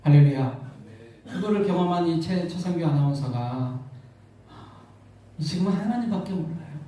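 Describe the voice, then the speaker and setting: A male pastor giving a sermon, telling a story with rising emotion, repeating words and swelling loud on key lines. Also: a little high, expressive, normal speed. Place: church sanctuary. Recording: echoey church hall from far off.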